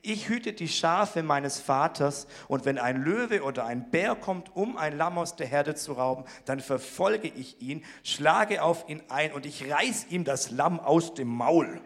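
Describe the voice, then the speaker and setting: A man reading the part of a bold young shepherd boy, full of trust and defiance, in a fairly high voice. The speech comes slow and earnest, with weight on each phrase. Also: lively intonation. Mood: defiant.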